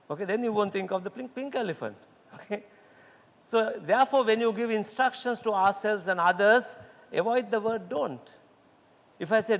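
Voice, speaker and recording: A man giving a lively workshop talk to doctors, acting out quotes and laughing often. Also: sits high. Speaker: speaker at a medical congress workshop. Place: lecture hall. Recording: echoey hall with long reverb.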